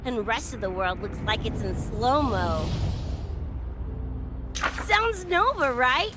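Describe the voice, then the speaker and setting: Brash, high-pitched Rebecca, cyberpunk mercenary. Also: female voice, very animated, slow pace, very noisy. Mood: breezy, enthusiastic. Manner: slangy, streetwise, swaggering. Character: brash, cocky young female cyberpunk mercenary. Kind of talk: animated video game voice acting. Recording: music under the voice.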